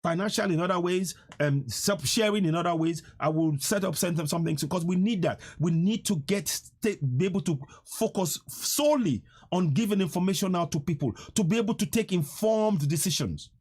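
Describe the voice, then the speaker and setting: Impassioned husky man in his fifties. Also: high voice, fairly quick, few pauses, a little mellow. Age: 50s. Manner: pleading, repetitive, stammering when moved. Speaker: live stream host. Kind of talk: impassioned live-stream appeal.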